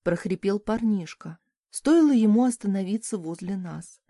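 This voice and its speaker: Female audiobook reader with a warm, mellow voice, expressive first-person narration in a dry booth. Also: medium pitch, normal speed, dry recording. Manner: lively, expressive reading.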